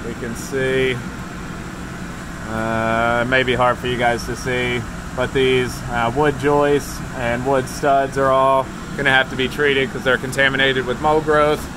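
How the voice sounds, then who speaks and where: A young man in his twenties, operations manager of a remediation company, walks through a basement under renovation for a casual work vlog, holding his phone at arm's length and explaining with many fillers. His mid-range voice is flat and a little slow, and a loud air scrubber machine hums throughout.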